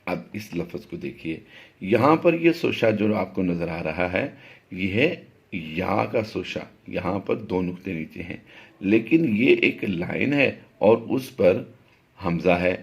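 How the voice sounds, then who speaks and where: A man's voice: sits low, expressive, creaky, lo-fi sound. Man teaching careful Quran recitation. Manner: slow, deliberate letter-by-letter spelling, drawn-out chanted recitation of verses. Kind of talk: tajweed lesson with recited examples.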